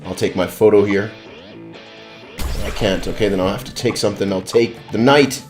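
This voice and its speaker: A man's voice: on the low side, fairly even intonation, moderate pace, a little mellow, soft background music. A man co-hosting a live online show, talking in a loose, chatty way with plenty of fillers. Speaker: co-host. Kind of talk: casual live-stream chat.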